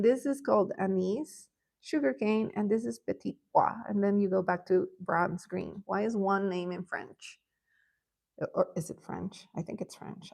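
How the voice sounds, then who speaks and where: A woman from Ecuador chats casually while she colors, with a gravelly edge and a middle-range pitch. She rambles from thought to thought and laughs often as she answers her viewers' comments. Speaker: livestream host.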